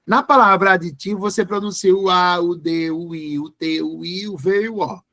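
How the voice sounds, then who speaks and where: A man's voice: sits high, steady tone, normal speed, pushed and bright. A man teaching an exam-prep grammar lesson, spelling words out letter by letter.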